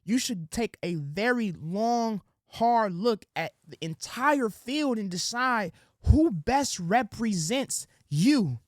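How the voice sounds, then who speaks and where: A man's voice: high voice, lively intonation, slow pace, few pauses, no room sound. Man, political monologue, preachy, slangy, dry close sound. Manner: preachy, street slang, addresses audience as ladies and gentlemen; drops into soft sweet-talk voice when acting out quotes. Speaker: political commentary host. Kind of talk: direct-to-camera political monologue.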